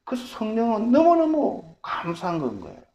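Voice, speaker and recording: A man's voice: very high voice, huge pitch swings, moderate pace, a little mellow. A male pastor giving an emphatic sermon full of repeated rhetorical questions.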